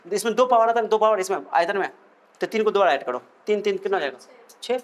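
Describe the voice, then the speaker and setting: This male physics teacher has a high voice and speaks quickly and animatedly while solving problems. He keeps things light and jokey, teasing his students and firing quiz questions at them as he goes.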